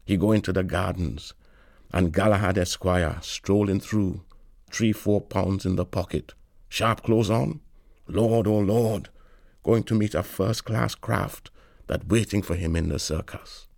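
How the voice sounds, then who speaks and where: Gravelly man reading a novel. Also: deep voice, steady tone, unhurried, a little mellow, no room sound, clean studio sound. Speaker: reader.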